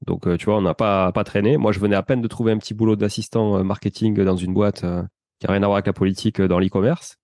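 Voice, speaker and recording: A man of around forty with a Toulouse accent speaks in a low, gravelly, mellow voice. He tells his story as a chatty interview guest. The sound is dry and close. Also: fairly even intonation, fast talker, dry recording. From France. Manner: chatty, addresses the host with "tu vois".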